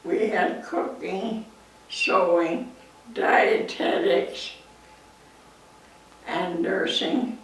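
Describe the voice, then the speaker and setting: Really old canadian lady in her 90s telling memories, halting, creaky voice, super echoey room w distant mic. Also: on the low side, slight background noise. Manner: halting, pausing mid-sentence. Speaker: interviewee. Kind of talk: reminiscing in an interview.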